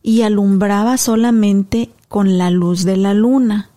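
A woman's voice: mid-range voice, slow pace. A woman in her thirties, a podcast co-host, telling a story casually and acting out the voices of the people in it. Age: 30s. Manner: animated storyteller, acts out dialogue.

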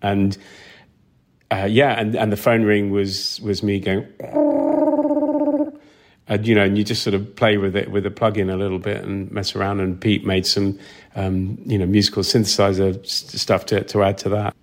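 A sound designer, interviewed as a guest, rambles casually through his stories while acting out reactions. His fairly low voice moves little in pitch and runs at normal speed.

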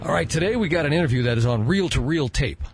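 An older American man hosting a podcast, telling stories in a casual, rambling, halting way at a close microphone. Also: a little high, animated, a little hiss or hum. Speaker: podcast host. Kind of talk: casual chat. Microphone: close studio microphone.

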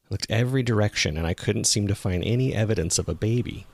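A male narrator voices a local jogger in a scripted first-person horror tale, describing a terrifying discovery in the woods. His voice is very low and heavily creaky at the edges, and his pacing is measured, suspenseful and uneasy. Ambient sound effects play behind him.

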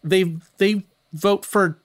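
A man's voice: sits high, fairly even intonation, slow pace, dry recording. A man talking casually and analytically as a podcast panelist, discursive and often interrupting himself. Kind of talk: casual analytical film-awards chat.

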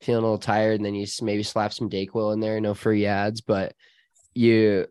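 A man's voice: fairly low pitch, level tone, moderate pace, a little mellow, smooth, no echo. An American man co-hosting a casual chat, talking in a rambling, slangy way. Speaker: podcast co-host.

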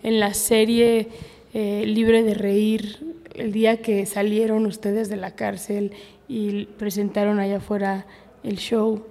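Woman interviewer, gentle probing questions, monotone, reverberant hall. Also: medium pitch, takes it slowly, gravelly.

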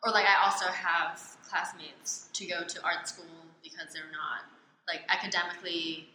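A woman from Hong Kong, answering interview questions thoughtfully, with many pauses and fillers. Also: lowish voice, fairly even intonation, sharp tone, slight background noise. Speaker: interviewee, art student. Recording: echoey space with faint ambience.

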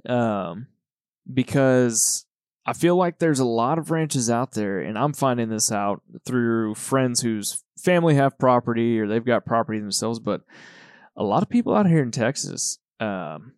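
A man hosts a hunting podcast, asking his questions loosely and conversationally. His voice sits at a medium pitch. The sound is dry, with no room echo. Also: lively intonation, unhurried. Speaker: podcast host. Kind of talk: casual interview. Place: Texas.

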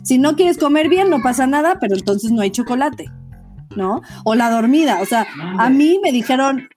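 A woman with a Mexican accent talks in a loose, chatty way, with her voice sitting a little high. She strings her thoughts together with frequent fillers. Faint music plays underneath. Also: animated, normal speed, a little mellow. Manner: chatty, full of "o sea" and "este" fillers. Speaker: podcast co-host, mother. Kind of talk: casual chat.

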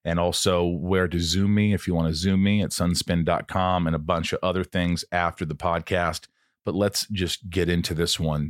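A man in his late forties hosting a podcast, chatting casually and telling stories in an animated, joking way. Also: sits low, no echo, studio quality. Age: 40s. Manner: animated, jokey storytelling. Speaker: podcast host.

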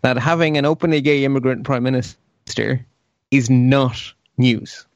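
A man's voice: mid-range voice, steady tone, unhurried, no echo. Man, Irish accent, podcast co-host, hesitant, repeats words, dry dull recording. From Ireland. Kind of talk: casual panel chat.

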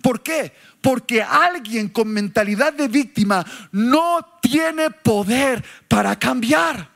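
A male pastor preaching a sermon with passion, shouting some points for emphasis. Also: extremely high pitch, expressive, slow pace, vocal fry.

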